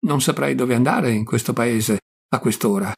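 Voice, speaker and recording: Shy lost young guy, halting, gravelly husky tone, as a man reads him in a storybook. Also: mid-range voice. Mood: dismayed. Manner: hesitant, halting. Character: bewildered, timid young provincial man.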